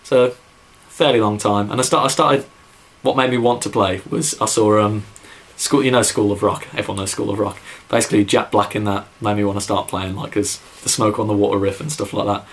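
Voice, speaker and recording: A young adult man from near Birmingham, England, with a mild Midlands accent, talks a little fast with few pauses in a low-leaning, steady voice. He's casually answering viewer questions for a vlog Q&A. He rambles with lots of fillers and "like," and admits as much himself.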